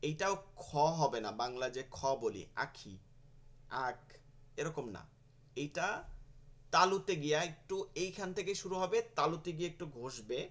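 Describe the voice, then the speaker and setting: Patient male teacher, a bit high-voiced, repeats each letter sound for students. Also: expressive, normal speed, a bit bright. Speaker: Quran teacher. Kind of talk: online pronunciation lesson.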